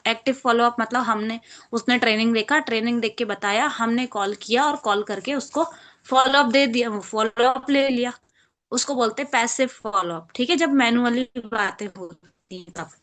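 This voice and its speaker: Woman, online class trainer, somewhat high pitch, explanatory, acts out sample calls, video-call audio. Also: a bit bright.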